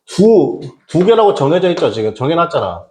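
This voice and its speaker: A man's voice: fairly high pitch, big pitch swings, a little fast, a little mellow, echoey room. A man teaching English exam prep in Korean, asking rhetorical questions and answering them himself, with casual slang asides. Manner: rhetorical questions, repeats "어떻게 한다?".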